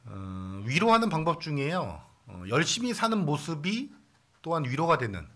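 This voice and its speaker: Male pastor, sermon; bright, forward tone, chatty with lots of fillers. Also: fairly high pitch, very animated, moderate pace. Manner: conversational preaching with playful asides and many fillers. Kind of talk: Sunday sermon. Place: church sanctuary.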